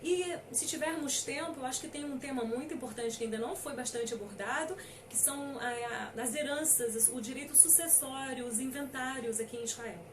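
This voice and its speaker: A woman's voice: high voice, brisk, recorded from a distance, noisy background. A middle-aged Brazilian woman lawyer giving an informal talk, hesitant with many fillers and emphatic on key points. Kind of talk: informal lecture.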